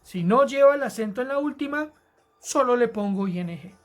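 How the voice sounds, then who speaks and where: Woman teacher, slightly high voice, patient and repetitive, recorded lesson, soft music behind. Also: expressive. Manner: patient, repeats words slowly for students. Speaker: English teacher. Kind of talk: recorded grammar lesson narration.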